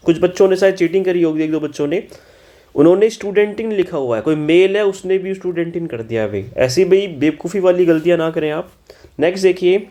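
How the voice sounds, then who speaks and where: In a mellow, high voice, a male teacher goes over a German exam in Hindi, spelling German words out slowly. He chides students for the usual mistakes throughout this exam-solution lesson.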